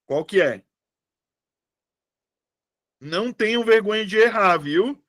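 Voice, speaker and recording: A man teaches a live online class. His voice sits a little high for a man, and he keeps up a chatty, informal tone. He checks in with his viewers often as he talks. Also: animated, slow, a bit bright. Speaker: online exam-prep teacher.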